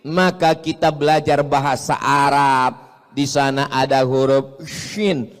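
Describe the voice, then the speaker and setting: A man's voice: mid-range voice, level tone, unhurried, in a large hall. A man preaching to a crowd in a joking, teasing way, with a flair for mimicking voices. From Indonesia. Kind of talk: humorous sermon to a large audience.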